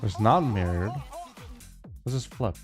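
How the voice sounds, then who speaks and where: A man's voice: fairly low pitch, animated, unhurried, music in the background. A man streaming a watch party, reacting offhand and slangy in casual live chat.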